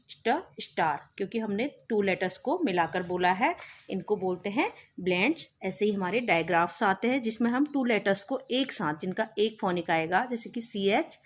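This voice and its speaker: A woman teacher explaining a kindergarten English lesson, spelling out words letter by letter and then saying each one slowly. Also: medium pitch.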